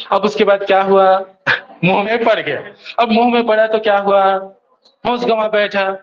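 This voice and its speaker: Guy teaching exam class, keeps asking "got it?", boomy lo-fi room sound. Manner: repeats questions to students, keeps asking "theek hai?". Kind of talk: classroom lecture with memory tricks. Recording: echoey room, dull lo-fi sound.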